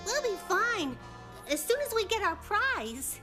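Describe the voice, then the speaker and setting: Little Lulu, high bossy cartoon girl. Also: very animated, measured pace, music in the background, exaggerated voice. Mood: confident. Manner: decisive, bossy, plain-spoken. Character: bossy, quick-witted, determined little girl. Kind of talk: children's cartoon acting.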